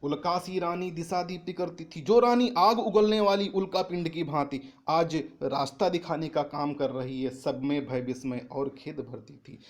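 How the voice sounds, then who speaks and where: A man's voice: normal speed, hardly any pauses. Hindi teacher man explaining verse lines. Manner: reads each verse line, then restates it in simple words; rises in pitch and volume on emphatic paraphrases. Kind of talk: reading and explaining a Hindi poem.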